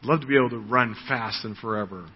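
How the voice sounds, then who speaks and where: A man's voice: medium pitch, quick pace, husky. An American man in his sixties giving a conversational sermon, often asking "right?" and repeating words as he starts a thought. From United States. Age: 60s. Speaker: preacher. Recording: dull audio with long hall reverb.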